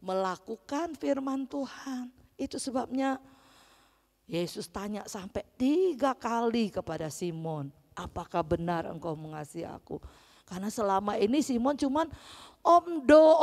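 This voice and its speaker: A woman's voice: fairly high pitch, a little mellow. A woman leading a Sunday school Bible lesson for children, telling the story animatedly with playful voice shifts. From Palembang, Indonesia. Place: church hall. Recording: reverberant church hall.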